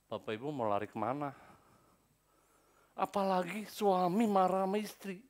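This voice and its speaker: A man preaching a sermon in a church service, acting out quoted people and swinging between low asides and loud exclamations. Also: very animated, normal speed. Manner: playful, acts out quoted people. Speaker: pastor.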